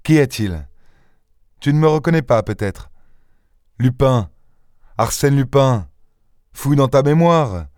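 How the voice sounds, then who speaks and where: A man reading an audiobook, voicing a playful, mocking gentleman thief who speaks with mock affection. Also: mid-range voice, lively intonation, slow, pauses often, clear, resonant tone, dry recording, studio quality, pitched above the performer's own voice. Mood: teasing. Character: charming teasing gentleman thief, young man. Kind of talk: audiobook character voice.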